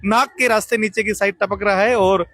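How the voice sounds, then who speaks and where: Male field reporter, rambling filler-heavy live commentary, husky tone. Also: sits high, steady tone, brisk, fairly bright tone, no room sound. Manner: rambling commentary with many fillers, chatty questions. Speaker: reporter covering a religious procession. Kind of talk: live on-the-street commentary and interviews. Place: outdoors at a crowded rainy procession.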